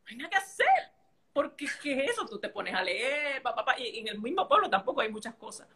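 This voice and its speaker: Quick and sing-song, this woman's voice is fairly high with a sharp edge. Chatting casually as a podcast guest, the Caribbean island native recounts a personal story vividly and emotionally, plugging gaps with playful sounds.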